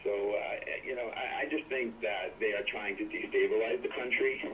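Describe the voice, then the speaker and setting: A man's voice: lowish voice, steady tone, moderate pace, a little hiss or hum. A man calling in to a talk show on a speakerphone, earnestly arguing his point with hesitant restarts. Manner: earnest, hesitant political argument. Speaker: caller. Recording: tinny distant speakerphone line.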